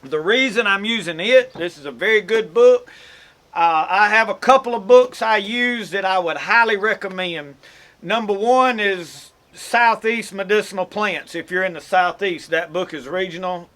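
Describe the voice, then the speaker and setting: This outdoors-channel host, a man from Mississippi with a Southern accent, rambles folksily through a casual how-to talk and keeps correcting himself. He speaks at a moderate pace in a high, slightly bright voice.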